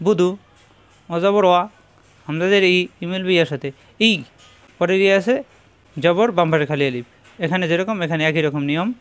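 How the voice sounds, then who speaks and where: A man leads a methodical pronunciation lesson and drills each sound again and again. His voice sits high and comes across smooth and resonant. Now and then he slips into a slow, chanted recitation. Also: a bit bright. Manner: methodical, repeats each syllable slowly. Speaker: Quran recitation teacher.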